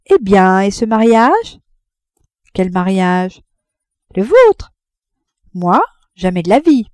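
A woman's voice: on the low side, very animated, slow pace, a little mellow, no echo, studio quality. A woman reading as a reserved, ironic married lady. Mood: teasing.

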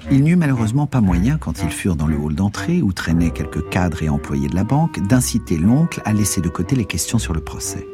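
A man narrating a literary work in a measured, expressive way. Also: low voice, music in the background.

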